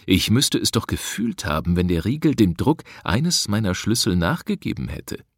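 A jumpy, doubting accomplice who frets with a low, deep voice, as a male audiobook narrator does him. The sound is close and completely dry. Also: sing-song, moderate pace, no room sound. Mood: uneasy. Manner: anxious, doubting. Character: nervous, fearful male accomplice.

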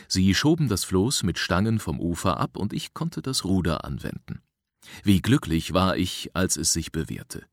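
A man narrating an adventure novel in a measured, dramatic storytelling manner. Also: low-pitched, no room sound, studio quality. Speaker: audiobook narrator.

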